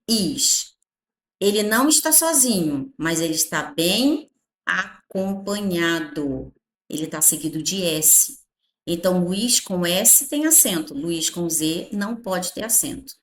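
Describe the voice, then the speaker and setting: A Brazilian woman teaching a grammar lesson with lively, drawn-out emphasis. She keeps checking that the class follows along. Her voice rings in an echoey room, at a medium pitch. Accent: Brazilian Portuguese. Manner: animated, stretches words, frequent "tá?" and "ó" checks.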